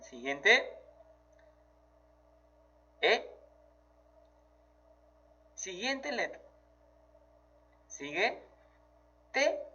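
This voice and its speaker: A man teaching a math lesson to children, slow and encouraging, praising the child often. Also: high-pitched, a bit bright. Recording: dull lo-fi audio.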